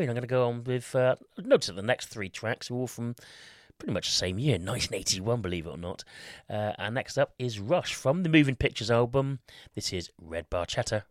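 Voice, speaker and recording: Croaky, froggy-voiced man presenting radio. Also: mid-range voice, dry recording, studio quality. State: under the weather with a cold-like illness. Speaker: radio show host. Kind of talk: casual music radio presenting.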